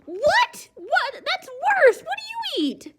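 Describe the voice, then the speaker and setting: A woman's voice: very high-pitched, huge pitch swings, slow pace, very noisy, voice pushed up, heavily acted. A woman reading fan fiction aloud, voicing a blunt, big-hearted young man who teases and scoffs. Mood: incredulous. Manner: incredulous, teasing.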